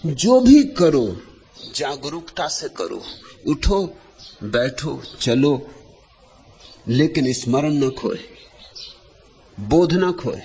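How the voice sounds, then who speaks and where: Spiritual teacher, male, unhurried and lyrical, pitch that rises and falls widely, short phrases with long pauses between them. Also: big pitch swings, mellow, slight background noise. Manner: lyrical, repeating phrases for emphasis. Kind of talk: spiritual discourse.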